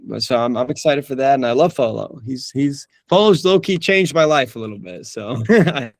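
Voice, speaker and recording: A young adult voice actor, relaxed and prone to laughter, keeps restarting his thoughts and filling gaps as he chats in an interview. His mid-range voice runs at normal speed, captured cleanly in a studio without echo.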